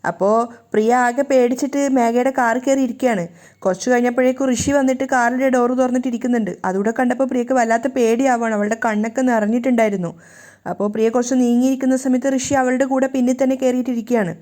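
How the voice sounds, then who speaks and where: A woman's voice: on the high side, fairly even intonation, a little mellow. A woman narrating a casual recap of a TV serial, acting out bits of the dialogue. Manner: brisk retelling with acted-out dialogue. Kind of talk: casual spoken story recap.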